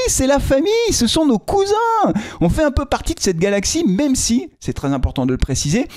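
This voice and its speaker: A man's voice: fairly high pitch, a little mellow, dry recording, studio quality. A man giving a casual explanatory video commentary, chatty and joking, addressing his viewers directly. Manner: frequent fillers and restarts. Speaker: football club video commentator.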